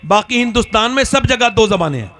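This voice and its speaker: High-voiced male preacher telling stories. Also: animated, brisk, pushed and bright. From northern India. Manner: storytelling, quizzes the audience with rhetorical questions. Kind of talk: sermon.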